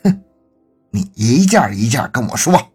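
A gruff old grandfather in his later years, as a storyteller puts him on, dropped low and husky, growling his words out slow and scolding. The voice swings in lively bursts between grumbles and sharp barks, over faint music in a storybook reading. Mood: vengeful. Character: old country doctor grandfather, gruff and angry.

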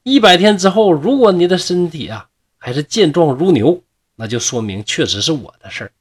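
A man's voice: a little high, sing-song, moderate pace, slightly rough, pitched above the performer's own voice. A man voicing an indignant fox-spirit woman. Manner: scolding, exasperated. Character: proud indignant female fox spirit healer.

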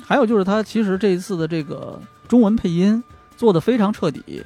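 Casting: gravelly excitable male host, quick delivery, quiet music underneath. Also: high-pitched. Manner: excitable, swears freely, steers discussion. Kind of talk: casual gaming chat.

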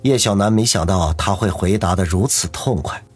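A man narrating an audiobook novel in a steady storytelling manner. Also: low-pitched, moderate pace, breathy edge, faint music behind. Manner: steady storytelling, doing every character.

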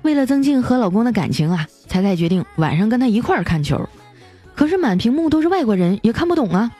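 A woman hosts a radio comedy segment, reeling off jokes in a bouncy, sing-song voice that swoops high and low. She plays out the people in her stories with gusto, and soft music sits faintly behind her. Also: fast talker. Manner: animated, playfully acts out the people in her jokes. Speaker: radio show host. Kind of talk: comic joke storytelling.

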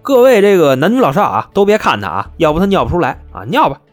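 A man doing a fussy high-voiced doctor. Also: huge pitch swings, fast talker, soft background music. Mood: coaxing. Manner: chatty, coaxing, high-pitched. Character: fussy meddling middle-aged male doctor.

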